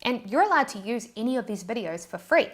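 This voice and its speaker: A woman's voice: a little high, big pitch swings, a little fast, a bit bright. Upbeat New Zealand woman explaining. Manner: cheerful, bursts of "yay" and "woohoo". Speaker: online tutorial host. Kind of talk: upbeat scripted tutorial.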